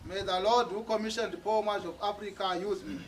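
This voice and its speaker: A man with a notably high voice interprets a testimony phrase by phrase, now and then stalling and repeating himself. He is recorded from a distance. Clear background noise runs under his voice. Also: steady tone, a little fast. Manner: hesitant, repeats words. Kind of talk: church interpreting.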